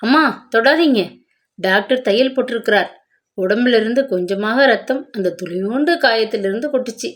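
A woman's voice: on the high side, moderate pace, lightly acted. A woman voicing a caring, anxious female village maid who fusses over her mistress. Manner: fussing, solicitous.

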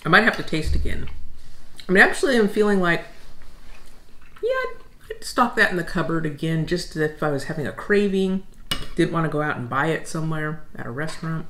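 A woman's voice: low voice, very animated, brisk, fairly bright tone, reverberant, slight background noise. A middle-aged woman co-hosting a food tasting, chatting casually and reflectively at a table at home. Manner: chatty, reflective, recalls details. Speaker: food channel co-host. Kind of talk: casual taste-test chat. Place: dining room at home, seated at a table.

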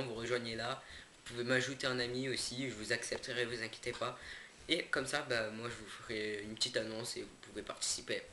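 A man's voice: mid-range voice, pushed and bright. Young guy doing an unboxing vlog, lots of euh and restarts, echoey room with packaging crinkle in the back. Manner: hesitant, many fillers and self-corrections. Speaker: YouTuber unboxing products. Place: indoors, not at his home. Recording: echoey room, noisy background. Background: crinkling packaging and clicks.

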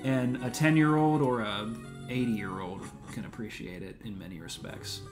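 Over music, a man in his twenties streams a let's play, talking at normal speed in a fairly low voice. His gameplay commentary rambles along in a laid-back way, packed with "um" and slang like "dude" and "man."

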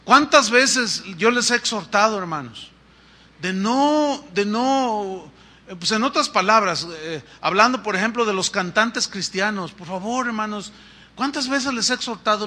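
Male pastor, emphatic exhorting sermon delivery, high and sharp-edged. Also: animated, a little slow. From Mexico. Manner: emphatic exhorting preacher, rhetorical questions.

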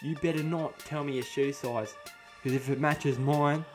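Over music, a young Australian man in his twenties speaks at normal speed in a steady, somewhat high voice, lightly acting as a cocky, combative eshay lout. As a comedy host reacting to a chatbot, he stays cocky and casual, uses plenty of eshay slang, and ends sentences with "bah". The setting is a small indoor room at home, recorded on a close boom-arm studio mic.

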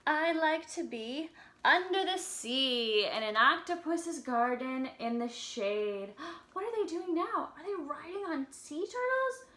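Her voice is high and a bit bright, with lively intonation, and she takes her time. She is a young adult woman teaching small children, reading a picture book aloud expressively in a home room with an upright piano, asking simple questions and leaning hard on her emphasis.

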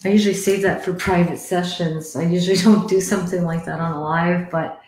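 A woman in her fifties, a medium hosting a live stream, chats casually and bluntly, swearing and calling her guest sweetie. Her voice sits on the low side with a darkish, steady tone, and she talks briskly. The recording has a roomy echo and slight background noise.

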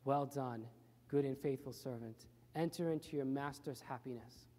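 A man voicing a stern master from a parable, speaking low, quiet and solemn. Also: moderate pace, natural voice. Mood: approving. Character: stern male master judging his servants. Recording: reverberant church hall.

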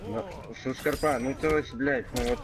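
A man's voice: mid-range voice, fairly even intonation, unhurried. A man chatting casually while playing a video game, swearing constantly in offhand mutters and exclamations, with game music behind him. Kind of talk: casual gaming chat over a match.

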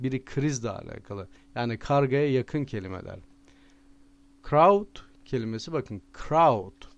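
A man with a Turkish accent teaching vocabulary with memory tricks, repeating each word slowly and stressing it. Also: mid-range voice. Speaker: language teacher.

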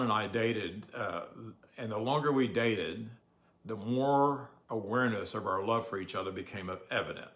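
An older man giving a relaxed, conversational sermon, often asking the audience questions. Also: lowish voice. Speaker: pastor. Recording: echoey room.

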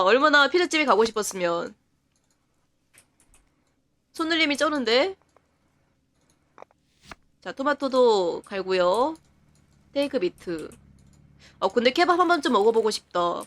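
A woman's voice: a little high, animated, a bit bright. A woman streamer giving live commentary on a game, chatting to herself and laughing often. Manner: reacts to the game with quick surprised remarks.

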